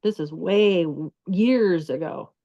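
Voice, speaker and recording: Slow, low-voiced woman, halting speech. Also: warm tone, dull audio. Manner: halting, many fillers and restarts. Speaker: guest. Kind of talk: casual recorded conversation.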